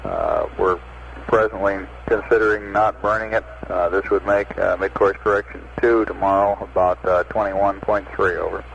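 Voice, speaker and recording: A man's voice: on the low side, little pitch movement, normal speed, gravelly, fairly bright tone. A man working as mission control's capsule communicator over a crackly, breaking-up space radio link, with clipped radio procedure, reading numbers digit by digit. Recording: dull, lo-fi radio transmission with faint static.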